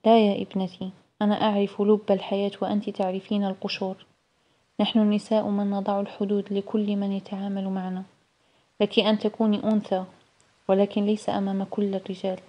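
A woman voicing a calm, wise older mother-in-law who gives measured advice in a read-aloud story. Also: medium pitch, lo-fi sound, lightly acted. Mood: counseling.

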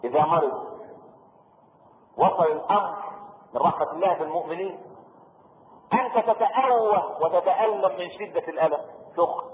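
Animated Egyptian preacher in an echoey hall. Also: male voice, high voice, normal speed, long pauses. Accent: Egyptian Arabic. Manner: lively, rhetorical questions, joking asides. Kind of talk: sermon with colloquial asides. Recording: echoey hall on a tinny lo-fi recording with faint noise.

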